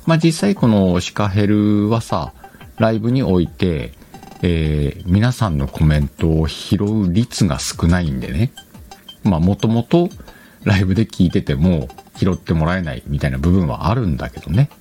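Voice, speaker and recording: A man with a low voice hosts a solo podcast, chatting casually with lively intonation, a warm tone and a moderate pace. He playfully talks to himself and corrects himself as he goes. Soft music plays in the background, and he's recorded on a computer through an external microphone.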